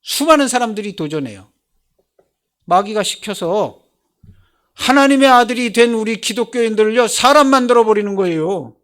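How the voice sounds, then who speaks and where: A middle-aged male pastor preaching a Sunday sermon, acting out dialogue and swinging between loud challenges and quiet murmurs. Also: high voice, animated, normal speed.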